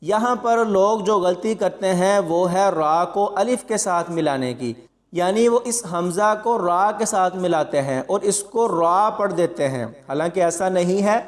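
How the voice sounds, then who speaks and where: A man with a fairly high voice teaches Quran pronunciation at an unhurried pace. He explains each difficult word patiently, then sounds out the syllables one by one and chants them slowly. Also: big-room sound. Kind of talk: spoken tajweed lesson with slow spelled-out recitation.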